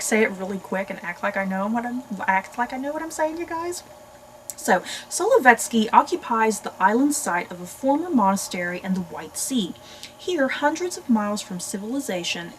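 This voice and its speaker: An American woman hosting a book review channel chats casually and expressively with viewers as she reads synopses aloud. Her voice is medium-pitched, and the recording is rough with slight background noise.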